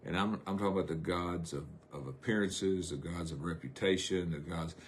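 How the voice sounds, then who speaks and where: A middle-aged man, preaching a folksy, rambling sermon on a live stream with drawn-out emphasis. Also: low voice, slight background noise.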